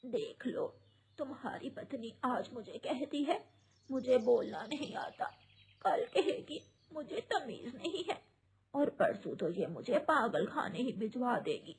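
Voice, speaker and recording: A woman's voice: a little high, sing-song, measured pace. A woman voicing a harsh, nagging old mother-in-law bird in a cartoon, talking in a sneering, scolding way. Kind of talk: cartoon voice acting.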